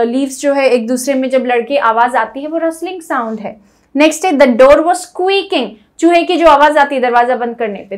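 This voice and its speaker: A woman grammar teacher, explaining to viewers and reading example sentences slowly and deliberately. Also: high-pitched. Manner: reads English examples slowly and deliberately, mixing Hindi and English. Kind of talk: classroom-style lesson explaining to viewers.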